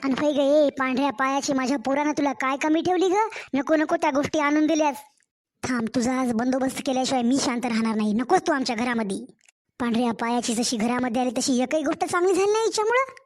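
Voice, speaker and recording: A woman's voice: sits high, quick pace, natural voice. A woman voicing a harsh, scolding middle-aged mother-in-law in a cartoon story. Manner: scolding, insulting.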